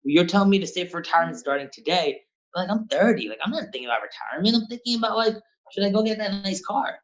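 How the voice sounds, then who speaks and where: A man's voice: high voice, lively intonation, rapid-fire. A man hosting a casual interview, eagerly asking follow-up questions and playing devil's advocate. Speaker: host and company head. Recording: dull, muffled mic sound.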